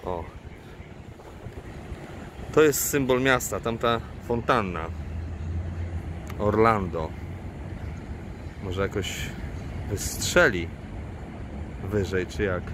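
A man narrates his travel vlog from a city park beside a lake, speaking slowly in a lowish voice. His delivery is flat and unenthusiastic, with a dry sense of humor. The camera's own mic records him outdoors, with clear traffic and boat noise underneath. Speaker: travel vlogger and guide. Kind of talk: casual vlog commentary while filming. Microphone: handheld camera mic, speaker off screen.

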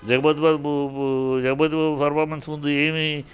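Indignant man with a smooth voice. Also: on the high side, little pitch movement, moderate pace, faint music behind. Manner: indignant and scolding, with rhetorical questions and frequent restarts. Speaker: interviewee giving opinions. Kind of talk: heated spoken commentary.

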